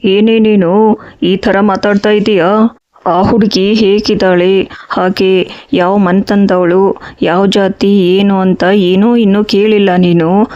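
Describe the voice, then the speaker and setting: A man's voice: high voice, flat delivery, slow pace, darkish tone. A man playing a stern middle-aged father who scolds his son about family honour. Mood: indignant. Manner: scolding, indignant. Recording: slightly dull audio.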